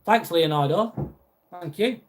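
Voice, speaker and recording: Hosting a live video chat, a young man from northwest England speaks with a Lancashire accent and a voice a bit high for a male. He goes slowly, chatting easily as he reads viewers' messages out and responds to them one by one.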